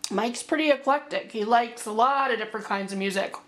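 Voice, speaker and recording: A woman's voice: a little high, fairly quick, fairly bright tone. A woman hosting a children's church lesson, cheerful and encouraging as she talks to the kids. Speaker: children's ministry host. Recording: roomy, distant mic, faint noise.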